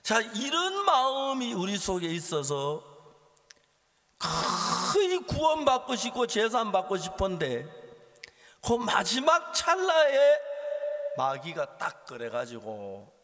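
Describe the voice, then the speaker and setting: A male pastor preaching a sermon, telling stories dramatically and dropping from shouts to hushed whispers. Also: high-pitched, wildly swooping pitch, slow pace. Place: large church or seminar hall. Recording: long hall reverb.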